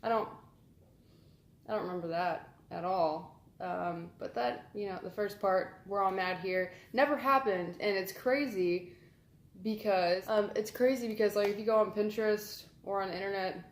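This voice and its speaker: A woman's voice: mid-range voice, normal speed. A woman, chatting casually for her vlog in a rambling, filler-heavy, amused way. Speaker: vlogger. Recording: roomy echo.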